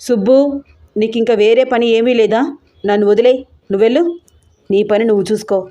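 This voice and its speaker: A woman voicing a lovesick, insistent young man who speaks in a lowered, pressing voice in an audio story. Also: moderate pace, dark tone, lo-fi sound, lightly acted. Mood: brooding.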